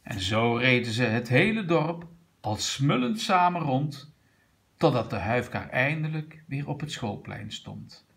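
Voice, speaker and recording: A man reading a children's picture book aloud to a young child, gently pointing out what is in the pictures. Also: mid-range voice, lively intonation, measured pace, creaky. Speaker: reader of a children's story.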